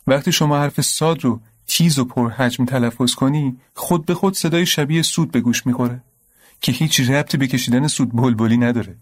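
An actor playing a patient, knowledgeable young man in a radio drama, firmly and calmly correcting his friend. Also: mid-range voice, lightly acted. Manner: calm, instructive, firm. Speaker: patient religious tutor.

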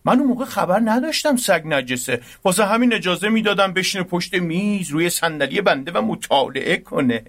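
A young man playing a teasing, muddled university dorm student who is quick to argue. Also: sits high, animated, a bit bright, heavily acted. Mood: joking. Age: young adult. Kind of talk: radio drama acting.

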